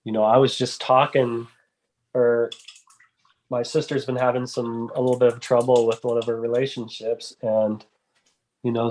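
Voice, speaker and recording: A man's voice: mid-range voice, a little mellow. A man chatting casually on a podcast, rambling with many restarts and fillers. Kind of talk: casual chat.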